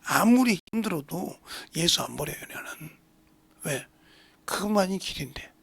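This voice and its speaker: A man in his sixties, a pastor preaching a sermon, who swings between hushed asides and loud emphatic preaching. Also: high-pitched, animated, unhurried. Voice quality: gravelly, husky voice.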